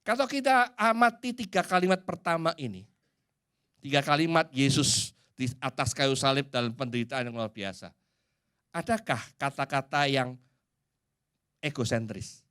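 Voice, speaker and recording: A man with an Indonesian accent preaching a sermon in a church, swinging from loud and emphatic to hushed. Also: mid-range voice, animated, moderate pace, clean tone.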